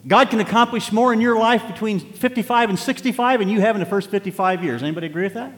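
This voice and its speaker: A man approaching sixty preaches a sermon with a fairly high voice. He starts out conversational and builds to emphatic exhortation. His words hang in the long reverb of a church sanctuary. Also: fast, a bit bright. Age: 50s. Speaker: pastor.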